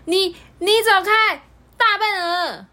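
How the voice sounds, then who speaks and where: A woman's voice: expressive, slow. A woman voicing a timid little male rice grain in a storybook, who stammers and drags out his words. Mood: shouting. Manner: stammering, high and drawn out.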